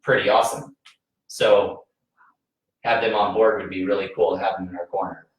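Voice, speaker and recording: A deep-voiced man speaks at a moderate pace in a steady tone while co-hosting a podcast, telling a story earnestly in casual conversation and often restarting sentences. He is far from the mic in a very echoey room.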